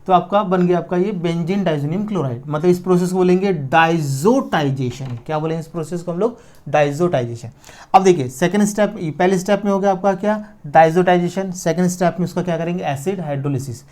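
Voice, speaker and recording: A man's voice: sits high, a little mellow. A man teaching an exam-prep chemistry lesson, explaining step by step and asking questions that he then answers himself. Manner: slows down to spell out formulas.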